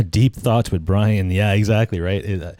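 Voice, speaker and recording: Low, mellow-voiced man in his late forties. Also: unhurried, no echo, studio quality. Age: 40s. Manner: rambling, with many restarts and "you know"s; reflective and easygoing. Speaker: livestream host. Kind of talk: casual live-stream chat.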